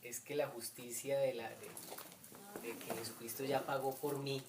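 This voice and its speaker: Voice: mid-range voice, steady tone, unhurried, very noisy. A member of a study group explaining how they read a verse, hesitating and restarting. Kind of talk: group discussion. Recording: roomy, distant, crowd behind.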